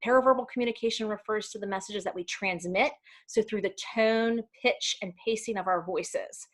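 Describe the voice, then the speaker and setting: A woman's voice: medium pitch, steady tone, moderate pace. Woman leading an online training. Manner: casual, with frequent ums and self-corrections. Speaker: community education trainer. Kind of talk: virtual training presentation. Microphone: video call.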